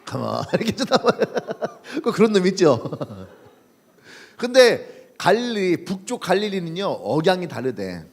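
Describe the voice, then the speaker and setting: A young man preaches a sermon to his church. His voice sits high and swoops widely as he tells the story with animated energy, slipping into the voices of the people in it. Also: unhurried, gravelly. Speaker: pastor. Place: church sanctuary.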